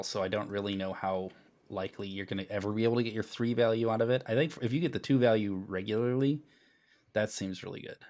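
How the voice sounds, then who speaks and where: A man's voice: fairly low pitch, gravelly. A man co-hosting a casual card game podcast who talks hesitantly and often starts his sentences over. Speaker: podcast co-host. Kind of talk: casual gaming chat.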